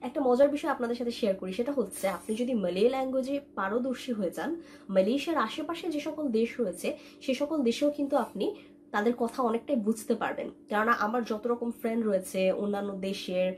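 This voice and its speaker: A woman's voice: a little high, slight background noise. A young woman from Bangladesh, a language instructor giving an online lesson, patiently repeating vowel sounds and mixing in English.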